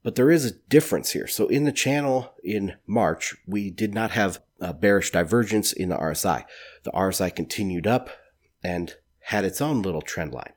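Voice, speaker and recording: A man's voice: lowish voice, lively intonation, normal speed, darkish tone. A man with a stuffy, congested nose hosting a solo market commentary podcast in an informal, opinionated way. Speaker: podcast host.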